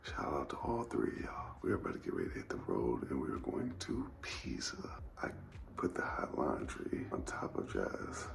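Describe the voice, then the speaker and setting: A man vlogging in a soft whisper indoors early in the morning, tired from little sleep. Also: a bass voice, huge pitch swings, normal speed, vocal fry. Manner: whispering softly. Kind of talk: casual vlog chat.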